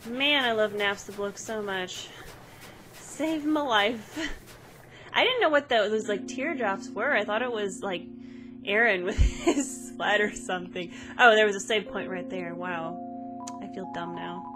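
A young woman giving excitable let's play commentary, swearing when frustrated and gushing over characters. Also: medium pitch, unhurried. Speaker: gaming channel host. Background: game music.

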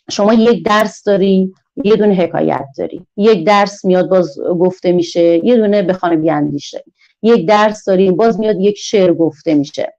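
A woman giving an online teacher-training lecture, drawing words out slowly in a sing-song teaching manner. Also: lowish voice, dark tone, dull audio. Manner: slow, sing-song, drawn-out teaching delivery.

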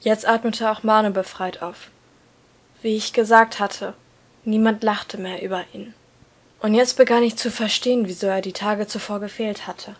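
A woman reading a novel aloud in first person, in a steady, even storytelling manner. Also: mid-range voice, moderate pace. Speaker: story reader.

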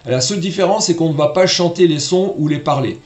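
A man's voice: on the high side, a little fast, darkish tone, reverberant. A man teaching trumpet online, explaining tonguing patiently and sounding out syllables as he goes. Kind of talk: online music lesson.

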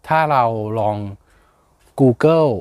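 A man talks at a slow, unhurried pace, pausing on fillers as he explains things and spells words out letter by letter. His voice sits in an ordinary middle register. The recording is dry and close, with almost no room sound. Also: a little high, darkish tone, no room sound. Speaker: plant channel host. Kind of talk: casual explainer vlog.

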